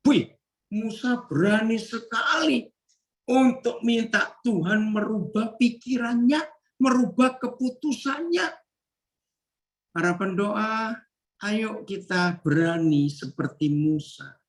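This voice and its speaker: A male pastor preaching to a prayer group, reading verses aloud, directing helpers to the slides, and jumping up in pitch for emphasis. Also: lively intonation, takes it slowly, rough recording. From Indonesia. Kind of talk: sermon.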